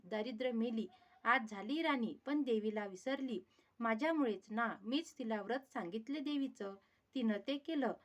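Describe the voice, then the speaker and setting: A woman voicing a slow-spoken poor old woman. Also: fairly high pitch, close to an everyday voice. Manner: slow, measured speech.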